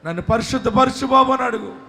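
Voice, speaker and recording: A male pastor leading a congregation in prayer at a live service, dropping to hushed pleas and then shouting bold declarations. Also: very high-pitched, fast, creaky.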